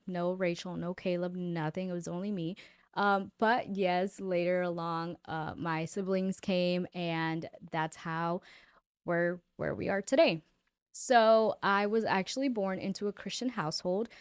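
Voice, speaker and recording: A young woman from Honduras hosting her faith podcast, chatting directly and warmly with her listeners. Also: lowish voice, unhurried, no room sound, studio quality. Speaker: podcast host. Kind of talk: casual faith podcast monologue.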